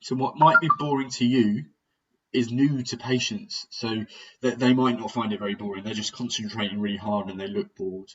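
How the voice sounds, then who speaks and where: A young British man giving a conversational recorded physiotherapy lecture, plain-spoken and self-aware about sounding monotonous. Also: on the low side, normal speed. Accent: British English. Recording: distant mic, dull lo-fi sound.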